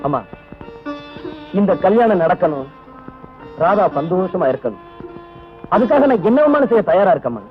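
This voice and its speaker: A man's voice: sits high, sing-song, moderate pace, pauses often. An actor playing a devoted young man who earnestly pleads with his mother about his sister's wedding. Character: devoted young man, eager elder brother. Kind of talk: 1980s film dialogue. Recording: tinny, phone-like old film soundtrack with music behind.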